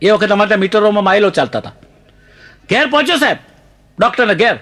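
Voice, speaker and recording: Sex: man. Role: comedian. Style: stand-up joke telling. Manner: animated, laughs along with his own lines. Pitch: high for a man. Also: fast. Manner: animated, laughs through his punchlines, mixes in English phrases.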